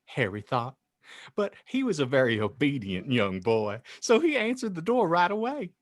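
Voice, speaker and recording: In clean studio audio with no room sound, a podcast host reads a story theatrically, like a mock-grand, playful audiobook narrator dropping joking asides. His voice sits on the high side, swings hugely in pitch, and moves at normal speed.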